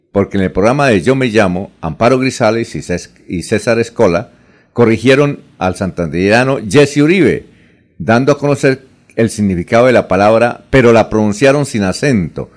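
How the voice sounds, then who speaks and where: Man, radio host, fairly low voice, reads listener questions. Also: a little mellow. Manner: reads questions aloud, then hands off to the professor. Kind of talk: reading questions on air.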